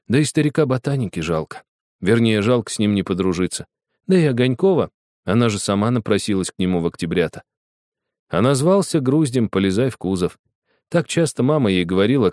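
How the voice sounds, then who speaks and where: Lively low-voiced male storyteller. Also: no echo, clean studio sound. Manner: expressive storyteller who acts out dialogue. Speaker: narrator. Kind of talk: audiobook storytelling.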